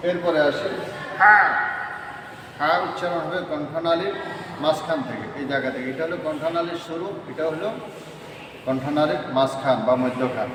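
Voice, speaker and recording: A man's voice: a little high, normal speed, pauses often, noisy background. A man teaching Quran letter pronunciation in a lesson. He goes step by step and repeats each letter three times. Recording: echoey hall from far off.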